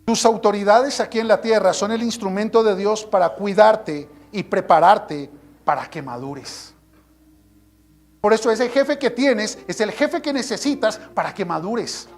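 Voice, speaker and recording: A man's voice: high voice, unhurried. A man preaching a sermon as pastor, emphatic and full of rhetorical questions, sometimes acting out the voices of his congregation.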